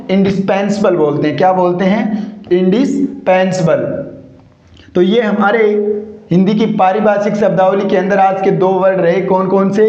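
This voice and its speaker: A man with a fairly high voice teaches a classroom vocabulary lesson, speaking. He drills each word by asking a question and answering it himself. The sound is roomy and a little dull. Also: a little mellow. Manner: keeps addressing listeners as companions.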